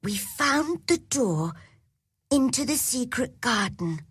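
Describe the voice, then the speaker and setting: A blunt, curious young girl from a storybook, speaking earnestly and slowly, voiced by a woman reader. Her voice is a little raised and husky. It is recorded dry and close. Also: on the high side, big pitch swings, no room sound, voice pushed up, full character voice.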